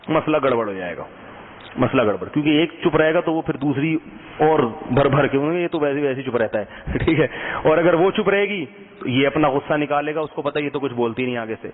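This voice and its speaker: A man giving a conversational sermon to a live audience, mixing jokes with advice and often checking that listeners are following. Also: on the high side. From Pakistan. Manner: humorous, asks the audience questions often. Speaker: Islamic scholar giving a sermon. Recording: tinny phone-like sound with long hall reverb.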